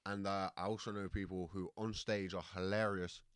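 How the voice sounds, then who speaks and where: A man's voice: low voice, little pitch movement, moderate pace, clear, resonant tone, no echo, clean studio sound. A young man with a South London accent, a stand-up comedian telling rambling anecdotes full of fillers on a podcast. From Croydon, South London, England. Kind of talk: casual podcast chat, storytelling. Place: podcast studio.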